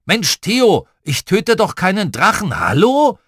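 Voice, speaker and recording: A man's voice: high voice, big pitch swings, unhurried, bright, forceful tone, no room sound, clean studio sound, pitched above the performer's own voice, full character voice. A man doing a brash, fearless little boy. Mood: indignant. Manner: exclaiming, indignant. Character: bold, brash little schoolboy brother.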